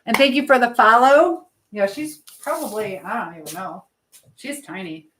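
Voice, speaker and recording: Hosting a relaxed live stream, a woman talks warmly and chattily with her viewers and reads out their comments. Her voice sits on the high side and sounds animated at a normal speed, with clicking noises clearly heard behind her.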